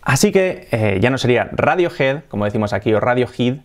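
A man's voice: lowish voice, big pitch swings, quick pace. A man from Spain with a Spanish accent, teaching English pronunciation in a casual, playful video lesson. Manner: laughs often.

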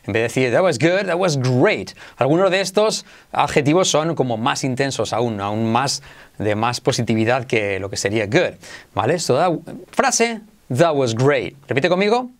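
A man from Spain with a Spain Spanish accent runs an online English lesson, his voice rising and falling in lively swings. He is enthusiastic, calls himself exaggerated, and drills each word slowly so the listener can repeat it. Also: mid-range voice. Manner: enthusiastic, self-described exaggerated, drills words slowly for repetition. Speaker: English teacher.

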